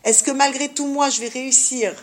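Higher-voiced woman teaching a religious lesson. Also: fairly even intonation, moderate pace. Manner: French peppered with Hebrew terms; didactic, frequent check-in questions.

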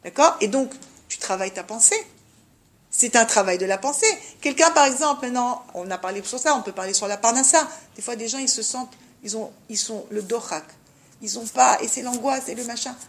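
Higher-voiced woman teaching a religious lesson. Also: brisk. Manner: French peppered with Hebrew terms; didactic, frequent check-in questions.

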